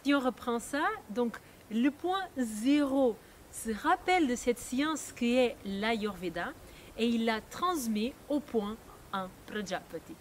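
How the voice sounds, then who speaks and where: Woman, high voice, non-native accent, patient lesson explainer who hesitates and restarts often. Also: lively intonation, takes it slowly, a little hiss or hum. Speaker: Ayurveda teacher.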